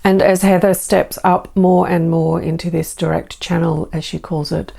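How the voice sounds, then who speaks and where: An Australian woman speaking as a benevolent spirit entity in a channelled spiritual message, slow and formal with repeated phrases. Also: on the low side, flat delivery, gravelly, dark tone. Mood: serene, benevolent.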